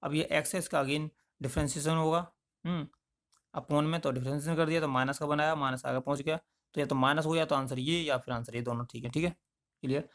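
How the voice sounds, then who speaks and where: Guy teaching maths step by step, kinda high voice, keeps saying okay. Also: steady tone, a little fast, fairly bright tone. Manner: explains in plain spoken steps, with frequent checks like "okay". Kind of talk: step-by-step lesson explanation.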